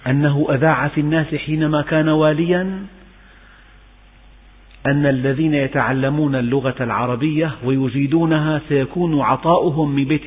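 An older man preaches a religious lesson, telling stories and slipping between formal and everyday speech. His voice is husky and carries a long echo from a large hall. The recording sounds thin and tinny, like a phone line. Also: on the high side. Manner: storytelling, mixes classical and colloquial Arabic, rises in emphasis.

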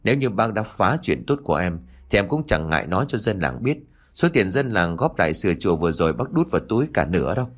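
A man's voice: low voice, very animated, quick pace. A man voicing a sly scheming villager who sneers and makes accusations in a spoken ghost story. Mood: sneering.

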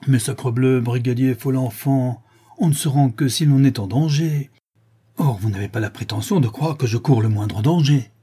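Male reader doing a mocking gentleman thief: ironic, grandiloquent, pitched up, husky. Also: normal speed. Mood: taunting. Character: suave, mocking gentleman thief, adult man.

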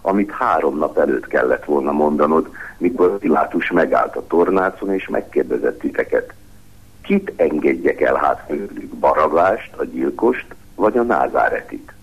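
A man reading aloud the lines of a gentle, forgiving male spiritual master in a mild, soothing way. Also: extremely low pitch, animated, slightly rough, exaggerated voice. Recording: dull lo-fi radio broadcast.

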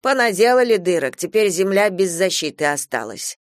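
A woman's voice: lowish voice, expressive, moderate pace, no echo, studio quality, natural voice. A woman reading a storybook voices a stern, superstitious old grandmother who grumbles and scolds. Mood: grumbling. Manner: scolding, insistent.

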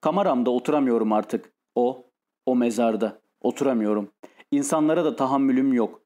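A man voicing a tormented, lonely, nervous man who speaks in a halting, pained way in an audiobook. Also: medium pitch, warm tone, natural voice. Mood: troubled.

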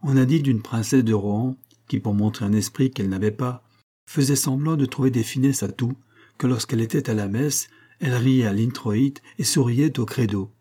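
A man reading a classic novel aloud in a measured, even narration. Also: medium pitch, husky. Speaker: audiobook narrator. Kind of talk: literary audiobook narration.

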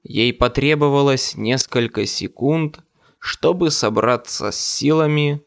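A male audiobook narrator telling a first-person story in a measured, dramatic way. His pace is slow and unhurried, with a gravelly edge to a mid-pitched voice.

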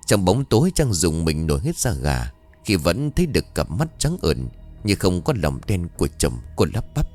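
Deep-voiced male horror storyteller. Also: very animated, normal speed, a little mellow, soft background music. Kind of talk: scripted horror story narration.

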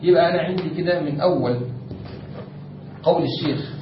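A man's voice: a little high, fairly quick. A man with an Egyptian accent teaching a class on Islamic jurisprudence, explaining step by step and often checking whether the class follows. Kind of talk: classroom lecture. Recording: echoey room, distant lo-fi mic with faint noise.

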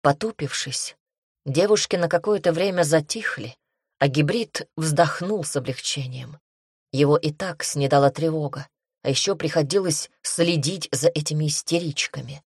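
A woman narrating a fantasy audiobook in a measured, even reading. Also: low voice, husky, no echo, clean studio sound.

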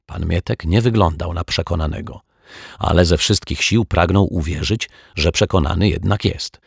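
A man narrating a children's storybook in a calm, even storytelling manner, recorded on a close microphone. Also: low-pitched, moderate pace, gravelly, breathy edge, dry recording. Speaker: audiobook narrator.

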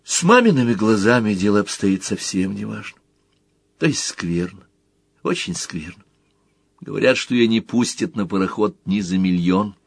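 A man narrating a story as an audiobook, animated and switching between character voices. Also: on the low side, moderate pace, gravelly, breathy edge, dry recording. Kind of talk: audiobook reading.

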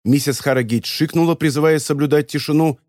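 A man reading a story as an audiobook narrator, in an even, measured telling. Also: fairly high pitch, no room sound, studio quality. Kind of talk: scripted narration.

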